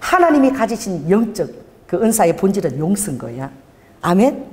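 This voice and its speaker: An older woman pastor preaches an animated call-and-response sermon in a church sanctuary, calling for responses from the congregation. Her voice is medium-pitched with a moderate pace, and the recording carries church hall reverb.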